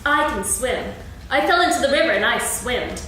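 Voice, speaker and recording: A woman playing a small, eager, fearless young kangaroo with a squeaky, childlike voice in a staged children's story. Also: moderate pace. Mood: eager curiosity. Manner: childlike, excitable, questioning. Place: on stage, seated reading. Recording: echoey hall, far mic, faint noise.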